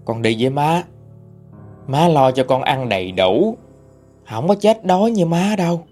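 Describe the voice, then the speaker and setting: A man voicing the ghost of a starved old grandmother, slow and coaxing, with a Southern Vietnamese accent. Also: a little high, very animated, a little mellow, faint music behind. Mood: eerie.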